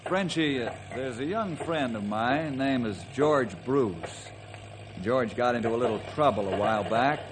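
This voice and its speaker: A kindly ranger from an old western radio serial, played by a man, with an American accent and a medium-pitched voice. He is earnest, folksy and reassuring, over clear background noise. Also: lively intonation, unhurried, lightly acted. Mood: earnest, persuasive. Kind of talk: old-time radio drama acting. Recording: noisy old radio drama recording.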